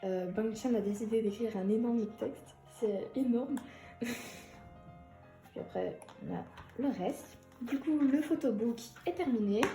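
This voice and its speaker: Giggly young Frenchwoman, echoey room. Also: on the high side. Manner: excited, giggly, chatty. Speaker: YouTuber unboxing an album. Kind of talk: casual unboxing vlog.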